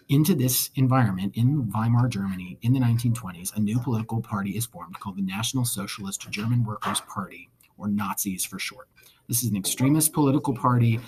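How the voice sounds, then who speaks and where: A man's voice: mid-range voice, darkish tone, slight background noise. A male history teacher giving a casual recorded lecture, conversational with wry asides.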